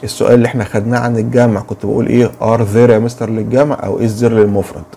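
A man with an Egyptian Arabic accent explains English grammar to children, drilling each English phrase slowly. His voice is dark and mellow. Faint noise sits behind him. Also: mid-range voice, little pitch movement, gravelly. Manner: asks and answers his own questions, slow drilled English phrases. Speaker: English teacher.

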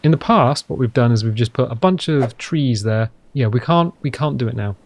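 A man with a smooth English accent giving chatty, playful let's play commentary as a gaming channel host, with self-mocking asides. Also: mid-range voice, animated, normal speed.

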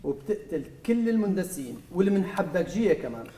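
A man's voice: high-pitched, very animated, fast talker, dark tone, reverberant. A man voicing a stern, contemptuous old male ex-dictator who scolds his son, with a Syrian Arabic accent. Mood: commanding.

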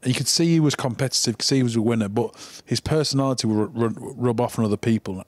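A man's voice: mid-range voice, quick pace, dry recording. A man who is a former player, co-hosting a live podcast and talking enthusiastically, repeating words as he thinks.

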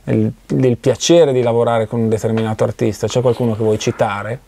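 Mellow Italian man asking questions. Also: mid-range voice, steady tone, brisk, creaky, no room sound. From Italy. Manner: attentive, frequent short agreements. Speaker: interviewer, channel host. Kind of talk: conversational interview. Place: recording studio.

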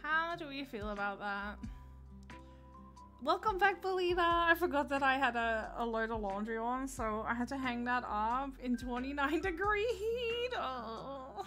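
A woman's voice: high-pitched, expressive, measured pace, a bit bright, faint music behind. A woman with a Dutch accent chatting casually on a gaming livestream, giggling often and greeting viewers by name.

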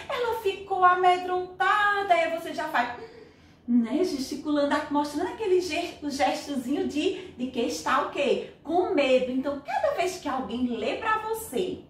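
A middle-aged woman, teaching a recorded class for children in an animated way and acting out story voices. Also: measured pace, hardly any pauses, a little hiss or hum. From Brazil. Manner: animated, acts out story voices with sweeping pitch. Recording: very echoey room, voice from far off mic.

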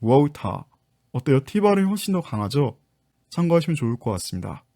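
A man's voice: a little high, sing-song, fast talker, dark tone. A man teaching an online English lesson, patiently explaining step by step to his viewers. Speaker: English teacher and book author.

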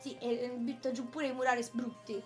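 A woman with a high voice chats through a game stream. She reads the characters' lines and cracks crude jokes about them. Game music plays faintly underneath. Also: flat delivery, fairly quick. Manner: playful and mocking, swears freely, laughs often. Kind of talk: casual let's-play commentary, reading game dialogue aloud.

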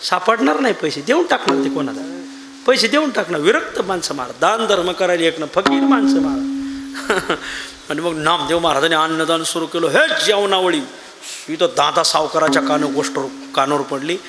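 A man's voice: on the high side, animated, moderate pace. A male kirtan preacher telling a saint's story as a sermon, folksy and joking with a live audience in a large hall. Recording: echoey hall with loud ambient noise.

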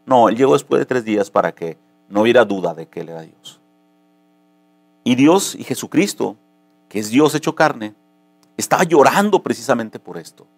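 A man pastor delivering a sermon, moving between calm teaching and impassioned, rising preaching. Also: medium pitch, normal speed, creaky, dry recording.

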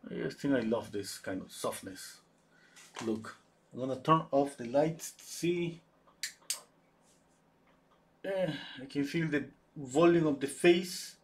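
A man's voice: medium pitch, slight background noise. Man hosting a live painting stream. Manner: halting, thinks aloud, many restarts. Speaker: painting livestream host.

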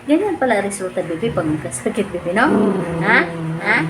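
A young woman chatting to her pet in teasing, sing-song baby talk that jumps up high when she coaxes it. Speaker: pet vlogger. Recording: loud background noise.

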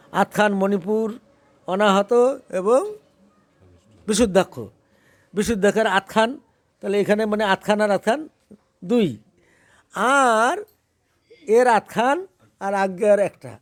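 High-voiced man teaching. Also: no echo. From Bangladesh. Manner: explains by asking questions, then chants slowly. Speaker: religious teacher. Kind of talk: spiritual teaching to a group.

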